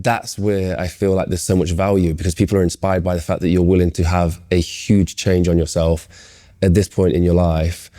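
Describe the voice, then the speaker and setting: Man, interview host, low pitch, dark tone, earnest, halting. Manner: earnest, halting, many restarts. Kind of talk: casual interview conversation.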